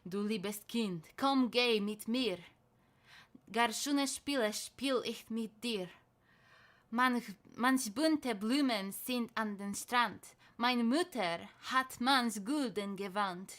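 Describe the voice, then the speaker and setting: A woman voicing a seductive male elf king spirit who coaxes and menaces in a low, hushed manner. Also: extremely slow. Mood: coaxing.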